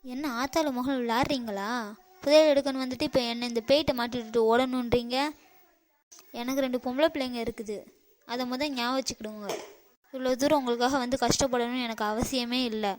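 A woman's voice: on the high side, steady tone, fairly quick, natural voice. A woman voicing a bossy, scheming sister-in-law in a cartoon, brusque and ordering others about. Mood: scolding. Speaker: cartoon character.

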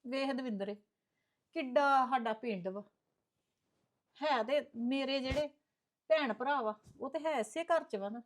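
A woman's voice: high-pitched, a little slow, long pauses. A woman playing an offended aunt who was left out of her nephew's send-off, complaining sharply. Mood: lecturing. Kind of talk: family short-film acting.

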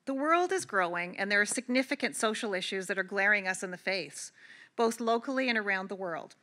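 A woman's voice: medium pitch, expressive, fairly quick, pushed and bright. A middle-aged woman from Canada giving a conference keynote address, talking earnestly and conversationally with frequent restarts. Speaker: keynote speaker. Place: large convention hall.

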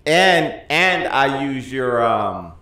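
A man's voice: medium pitch, big pitch swings, extremely slow, bright, forceful tone, reverberant. A middle-aged man hosting a podcast, joking and laughing in casual banter. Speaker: podcast host. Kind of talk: casual chat. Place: studio room with large headset-style mic. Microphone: close boom mic.

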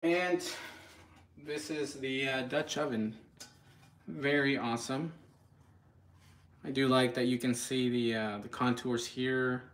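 In his home kitchen, a product reviewer and channel host comments live on products, informal and a little hesitant as he speaks to viewers. His fairly bright, steady voice is medium-pitched and slow, with long pauses.

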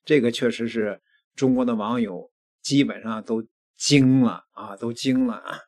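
A middle-aged man delivers news commentary at a slow pace in a medium pitch. He pauses often and repeats phrases for emphasis, speaking into a desk microphone. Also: fairly even intonation, darkish tone. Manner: deliberate, pausing, with emphatic repetition. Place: small indoor studio at a desk. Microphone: desk microphone close in front.

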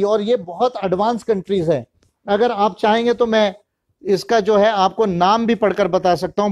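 A man speaks in a fairly high register, explaining his point in a steady lecture style. He slips English phrases into his talk and reads long lists out one by one. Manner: mixes English phrases into Hindi. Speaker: speaker on electoral reform.

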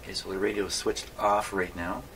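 Muttering to himself and thinking aloud, a radio repair channel host runs a casual hands-on demonstration in his small indoor workshop. The voice is deep and fairly bright, brisk, with little pitch movement. It's picked up on a distant mic with clear background noise.

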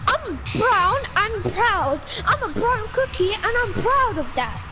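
A gamer from England chatting with slang and repeated calls during a match. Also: female voice, very high-pitched, big pitch swings, takes it slowly, noisy background. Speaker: gamer teammate. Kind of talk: casual gaming chat. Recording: loud game audio behind.

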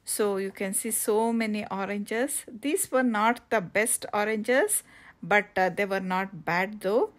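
A woman narrating a casual travel vlog outdoors on coastal cliffs, halting with many fillers and restarts. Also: mid-range voice. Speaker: travel vlogger.

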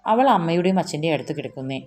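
A woman's voice: low voice, animated, racing, a little mellow, soft background music. A woman voicing a young wife in a storybook romance, pleading and tearful, then shy.

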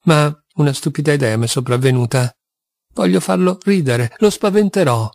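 Man playing a tormented young man, impulsive, volatile, audiobook, rather high voice. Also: moderate pace, vocal fry, darkish tone, no echo, clean studio sound. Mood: brooding. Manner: impulsive, swings from despair to wild exultation. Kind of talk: audiobook character reading.

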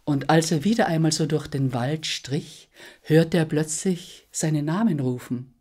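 A woman storyteller performing a fairy tale aloud, expressive and measured. Her pace is slow and unhurried, and her voice carries a soft, breathy edge. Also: deep voice.

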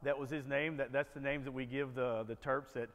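On stage in a conference ballroom before a seated audience, an American military veteran delivers a motivational keynote as a storyteller, conversational and frequently tagging on "right?". His mid-range voice is brisk and fairly bright with little pitch movement, and the hall is echoey with long reverb.

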